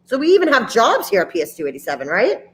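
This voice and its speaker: A woman's voice: on the high side, wildly swooping pitch, fast talker. A woman hosting a school open house, chatting playfully and enthusiastically with viewers and a young student. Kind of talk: upbeat casual chat.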